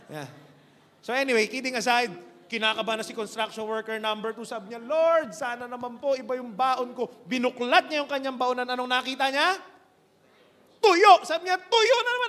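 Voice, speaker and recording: Preacher type, high voice, playful animated storyteller, echoey hall. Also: male voice. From Philippines. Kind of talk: storytelling sermon. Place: cinema hall.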